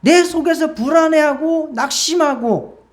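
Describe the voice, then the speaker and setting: Woman pastor preaching, storytelling, asks the church questions, kinda high voice. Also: measured pace. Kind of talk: sermon with storytelling.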